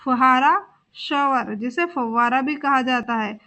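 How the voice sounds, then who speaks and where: A woman with a high voice teaches an English vocabulary lesson at an unhurried pace. She says each word, repeats it, and sometimes spells it out letter by letter. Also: sharp tone.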